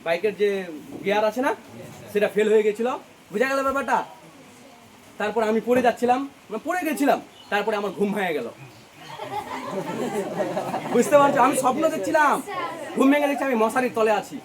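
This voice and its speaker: A man's voice: very high-pitched, a little fast, pauses often, a crowd in the background, background noise. A young man with a Bengali accent teaching a poem, asking questions and answering them himself. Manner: mixes English lines into explanation. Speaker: English teacher. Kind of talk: poetry lesson for students.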